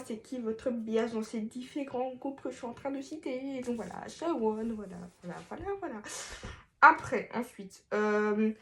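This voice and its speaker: Her voice somewhat high and bright, a masked woman vlogger chats casually. She wanders and hesitates, restarting sentences and using fillers, with playful digs at herself.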